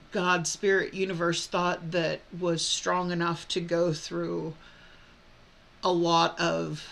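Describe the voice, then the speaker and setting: A woman tarot reader speaks straight to her webcam at home with a bright, forceful tone and a gravelly edge. Her talk is a casual, heartfelt monologue that rambles earnestly. She restarts her sentences often and breaks into nervous little laughs. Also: on the low side. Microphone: computer webcam mic.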